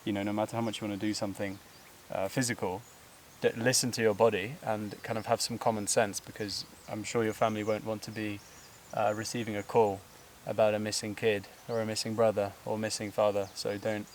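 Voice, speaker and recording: Talking to the camera on a steep outdoor climb, a breathless man rambles with fillers and laughs in a lowish voice that barely moves in pitch. He's brisk with hardly any pauses, and there's a little hiss or hum plus buzzing insects behind him.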